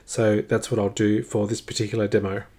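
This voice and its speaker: A man with a slightly husky voice giving a casual, unhurried step-by-step tutorial, explaining each action as he goes. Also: on the low side, little pitch movement, warm tone. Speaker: tutorial presenter. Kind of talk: step-by-step spoken demonstration, casual.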